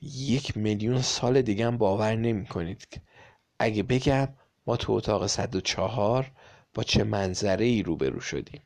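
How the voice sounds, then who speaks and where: A man reading a children's story aloud with lively, dramatic emphasis. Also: on the low side.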